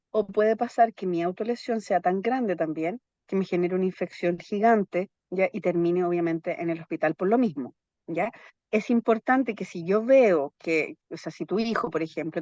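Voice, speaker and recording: This woman, a psychologist from Chile, speaks in a fairly low, mellow voice during an interview, repeatedly tagging her explanations with "¿ya?" to check in with the listener. The recording is dry and lo-fi.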